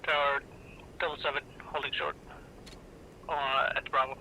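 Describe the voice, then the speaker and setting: A man's voice: medium pitch, little pitch movement, moderate pace, pushed and bright, slight background noise, rough recording. A man making terse pilot radio calls in a flight-sim training session, speaking over a radio channel in clipped brevity codes. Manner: terse brevity-code phrasing with short fillers.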